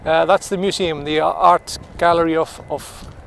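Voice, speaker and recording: Streaming live from a city pond in the winter wind, this Icelandic tour guide sounds sniffly from the cold. He speaks a little slowly in a steady, fairly bright voice on the high side with vocal fry, chatting, naming viewers as he greets them, and searching for words amid slight background noise.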